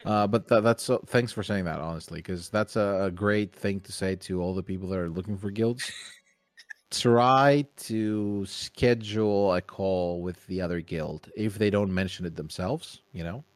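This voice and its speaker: Co-host, male, low voice, rambling and hesitant, dry mic, faint music bed. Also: fairly even intonation, brisk, few pauses, no room sound. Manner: rambling, hesitant, many restarts. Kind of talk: casual chat.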